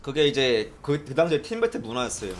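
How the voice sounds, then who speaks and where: A young man from South Korea casually telling stories, animated and often mimicking people he quotes. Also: mid-range voice, fast. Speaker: streamer recalling arcade days. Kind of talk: casual storytelling chat.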